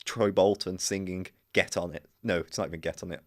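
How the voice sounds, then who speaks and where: A young man with a low voice co-hosts a casual podcast. He argues playfully, teases and laughs often. The studio sound is dry and close. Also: fairly even intonation, a little fast, no echo. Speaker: podcast co-host. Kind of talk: casual chat.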